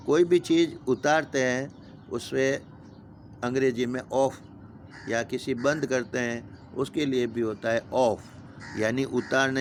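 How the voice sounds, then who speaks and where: Slow, patient man teaching vocabulary. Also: mid-range voice, slight background noise. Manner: slow, patient, spells words letter by letter. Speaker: school teacher. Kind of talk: vocabulary lesson for young pupils.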